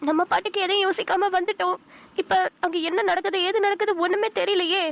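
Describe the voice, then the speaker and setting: An anxious young runaway bride from a cartoon, voiced by a woman, with a very high, thin voice and a gravelly edge. She speaks softly and pleadingly. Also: level tone, quick pace. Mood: worried. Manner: soft, worried, pleading. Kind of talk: cartoon voice acting.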